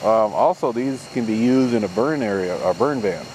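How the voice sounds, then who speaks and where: At a campground, an American vlogger rambles through a folksy, casual narration recorded outdoors on a handheld camcorder. His voice sits on the low side at a normal speed. Vehicle noise can be heard in the surroundings.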